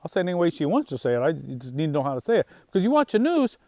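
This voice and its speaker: Easygoing farm vlogger, slightly high. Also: male voice, sing-song, darkish tone, no room sound. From Northwest Indiana, USA. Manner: unhurried, halting, many fillers and restarts. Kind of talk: casual rambling monologue.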